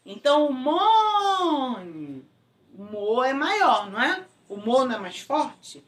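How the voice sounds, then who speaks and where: A woman's voice: a little high, lively intonation, normal speed. A woman teacher with a Brazilian Portuguese accent gives a recorded video lesson to schoolchildren. She explains step by step and keeps checking in with tag questions. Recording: echoey room, voice from a distance.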